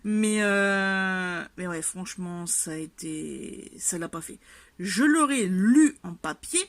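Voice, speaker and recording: A woman chatting casually in a vlog, rambling with many fillers and restarts and sounding exasperated. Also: fairly low pitch. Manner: exasperated and animated about the subject. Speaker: vlogger. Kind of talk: casual chat.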